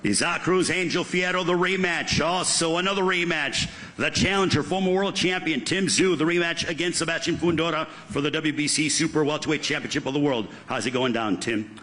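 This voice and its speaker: Bright, punchy male fight-promoter announcer. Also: a little high, brisk, hardly any pauses. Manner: polished, punchy announcer delivery with emphatic names and titles. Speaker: press conference host and fight announcer. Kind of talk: fight promoter hosting a boxing press conference.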